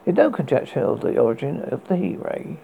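A man playing a solemn, learned professor in a 1930s radio drama reading, gravelly, husky, formal and halting. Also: mid-range voice, very animated, phone-quality sound, slight background noise. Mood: grave, explanatory. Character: solemn male scientist professor, measured and learned.

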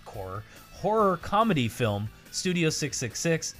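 A man's voice: on the high side, sing-song, measured pace, a bit bright, faint music behind. A man co-hosting a casual podcast, joking around and reading out news stories. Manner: jokey, reads news stories aloud. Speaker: co-host.

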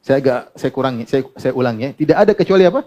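A man's voice: medium pitch, expressive, very fast, warm tone. A middle-aged man preaching a sermon, quoting Arabic texts and translating them, often asking the audience questions and answering them himself, with frequent laughs. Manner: laughs often between points. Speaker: Islamic preacher.

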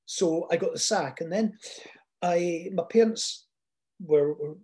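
An older man shares reflective personal stories. His voice sits high for a man and has a soft, mellow tone. He speaks haltingly, pausing often as he goes. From Scotland.

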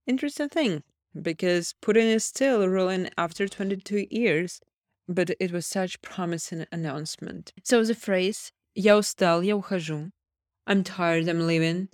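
A native Russian woman speaks with a clear Russian accent as she presents a short language lesson for a podcast. Her voice sits fairly low, and the recording is dry, with very little room around it. She explains phrases in the way of a teacher. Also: dry recording.

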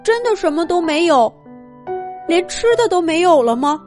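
A young mouse from a storybook, indignant and questioning, voiced by a woman narrator, with a bright, high voice. Soft music plays behind. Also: very animated, normal speed.

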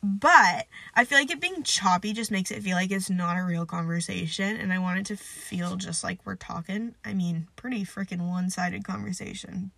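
A young woman hosts her own solo podcast, nasal and stuffed up from a cold, rambling with plenty of "like" and "um" and poking fun at herself. Her bright, slightly sharp voice is medium-pitched and creaky at a moderate pace with few pauses, recorded close and dry with no echo.

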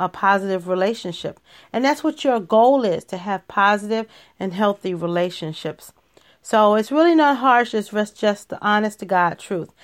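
Woman doing a solo podcast, earnest and chatty, mid pitch. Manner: earnest, laughs at her own points. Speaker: podcast host.

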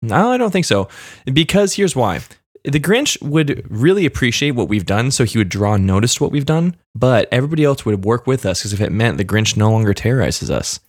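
A man's voice: mid-range voice, very animated, a little fast, dry recording, studio quality. A man co-hosting a podcast, rambling through an idea with lots of fillers in casual chat. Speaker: podcast co-host.

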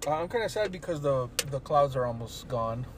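A man's voice: mid-range voice, lively intonation, brisk. A man co-hosting a podcast, chatting casually and joking in a loose, rambling way. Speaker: podcast co-host. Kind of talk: casual chat. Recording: background noise.

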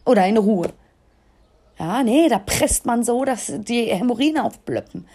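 A woman's voice: a little high, animated, a little slow, dark tone, husky. A woman in her thirties hosting a podcast, delivering a blunt, crude, comedic rant in an exasperated tone. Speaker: podcast host.

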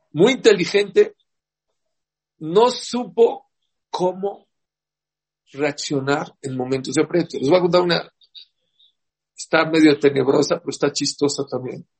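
A man's voice: on the high side, husky, rough recording. A man giving a rabbi's class, telling stories and putting questions to his listeners. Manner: storytelling, asks the class questions. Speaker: rabbi teaching a Torah class. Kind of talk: lively religious class talk.

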